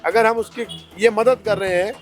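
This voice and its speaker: A man with a rather high voice defends his party in an interview. He argues steadily and leans on rhetorical questions. Faint music plays underneath. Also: fairly even intonation, normal speed. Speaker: politician, candidate. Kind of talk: interview answers.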